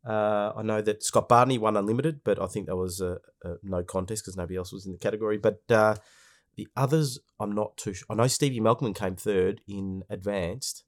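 A man's voice: fairly low pitch, fairly quick. A man with an Australian accent, hosting a podcast in a casual monologue while congested with a cold. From Melbourne, Australia. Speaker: podcast host.

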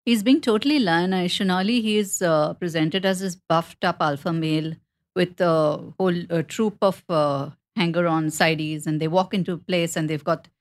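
A woman's voice: on the low side, normal speed. A middle-aged woman, co-hosting a film chat and often laughing as she retells things with animation. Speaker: co-host. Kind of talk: casual chat about films.

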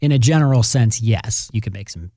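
Guy explaining money stuff to listeners, mellow voice, emphatic, dry close mic. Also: mid-range voice, a little fast, dry recording. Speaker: financial advisor on a radio show. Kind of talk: conversational advice talk.

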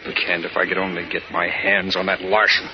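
An actor playing an anxious hero who speaks urgently and worriedly, on an old radio broadcast. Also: male voice, deep voice, flat delivery, a little fast, muffled recording, noisy background, lightly acted. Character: anxious male wealthy hero.

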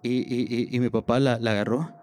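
Animated male storyteller, stammering restarts. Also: mid-range voice, brisk. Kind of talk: personal storytelling on stage.

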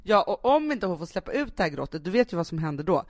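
Expressive woman, warm chat. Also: on the low side, no room sound, studio quality. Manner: laughs often, acts out family scenes. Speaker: podcast co-host. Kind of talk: casual chat with her sister.

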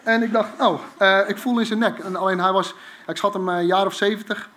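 A man telling a personal story in a casual, animated way, with lots of fillers and restarts. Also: high-pitched, fairly quick. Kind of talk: casual spoken anecdote.

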